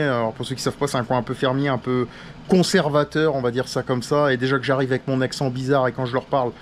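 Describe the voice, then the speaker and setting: A man's voice: medium pitch, a little hiss or hum. A man vlogging casually from his hotel room, chatty and full of slang, talking straight to his viewers and calling himself by a nickname in the third person. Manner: slangy, chatty, addresses viewers as "les gars" and "les loulous". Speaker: travel vlogger. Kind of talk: casual vlog chat to camera.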